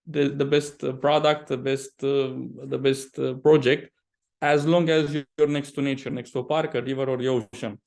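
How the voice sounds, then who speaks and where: A man's voice: mid-range voice, little pitch movement, creaky, a little mellow. Male interview guest, property developer type, Romanian accent, mid-range voice, conversational with stop-start phrasing. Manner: halting, often repeats words mid-sentence.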